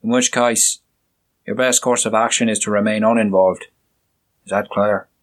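In a lightly acted role, a man voices a stern, dismissive middle-aged police inspector who is curt, commanding and condescending. His voice is on the low side and fairly bright, with fairly even intonation at a normal speed.

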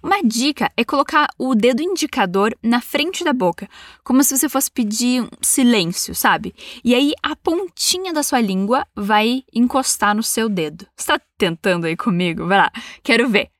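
A Brazilian woman teaching English, saying model phrases slowly for learners to repeat and cheering them on with patience. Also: a little high, expressive, no room sound, studio quality. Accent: Brazilian Portuguese. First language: Portuguese. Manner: encouraging and patient. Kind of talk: bilingual English lesson with repetition drills.

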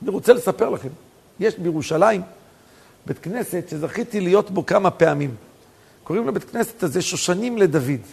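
A male rabbi preaching a sermon full of stories, telling them with animation and rising to near-shouts for emphasis. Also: high voice, expressive, creaky, husky.

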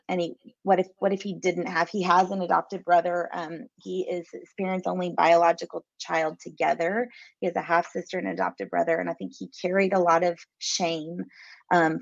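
A woman guest in an interview, an adoptive mother speaking warmly and reflectively. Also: on the low side, vocal fry, no echo. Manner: warm, reflective, slow and searching. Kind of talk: conversational interview. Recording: slightly dull lo-fi sound.

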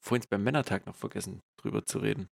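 A man's voice: lowish voice, fast, creaky. Laughing young German man. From eastern Germany. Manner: animated storyteller who acts out voices and laughs often. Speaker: podcast co-host. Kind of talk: casual chat.

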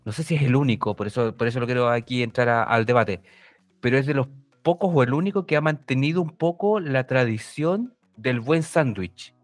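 A man with a Chilean accent, co-hosting a casual podcast chat, making his point haltingly with many restarts. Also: mid-range voice, lively intonation, no room sound, faint music behind. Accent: Chilean Spanish. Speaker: podcast co-host.

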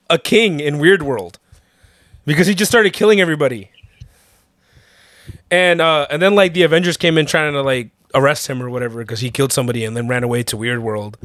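A young man co-hosting a podcast in casual chat, excited and slangy, laughing often. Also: a little high, dry recording, studio quality. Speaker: podcast co-host.

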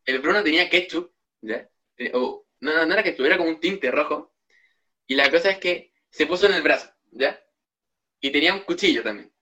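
A young man with a Chilean accent co-hosts a podcast, chatting casually and telling a long anecdote with restarts and asides. His voice is bright and sits a little high. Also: expressive, brisk. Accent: Chilean Spanish. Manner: rambling storyteller with restarts. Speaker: podcast co-host. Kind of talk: casual chat.

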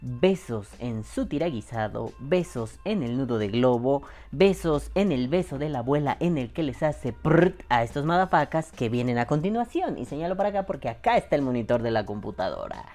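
A man's voice: mid-range voice, moderate pace, few pauses, faint music behind. A man with a Mexican Spanish accent hosting a casual podcast from home, joking and swearing as he reads listener comments. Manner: joking, profane, animated. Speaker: podcast host. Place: home room.

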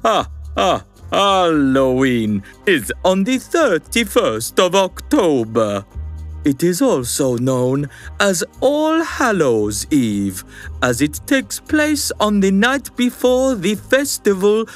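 Guy doing a gloating vampire count w/ a fake transylvanian accent, slightly high voice, slow and drawn out. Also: big pitch swings, faint music behind, full character voice. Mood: hammy, gloating. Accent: put-on Transylvanian. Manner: dramatic, with gloating laughs. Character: theatrical male vampire count, hammy and gleeful. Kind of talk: kids' quiz show sketch.

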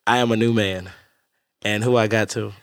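A man's voice: fairly low pitch, steady tone, normal speed, no echo, clean studio sound. A man co-hosting a casual podcast chat, sounding slightly nasal from a cold, laid-back and profane, laughing often. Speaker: podcast co-host.

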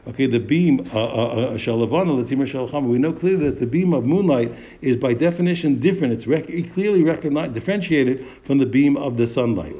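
A man's voice: medium pitch, expressive, fast talker, few pauses, mellow, lo-fi sound. A man teaching a Talmud text. He reads Aramaic phrases and then explains each in English. He often repeats words and restarts his sentences, and he asks questions and answers them himself.

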